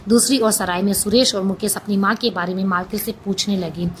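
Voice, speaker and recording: A woman narrating a devotional folk tale in a steady, measured way. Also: mid-range voice, slight background noise, low-quality recording. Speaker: storyteller.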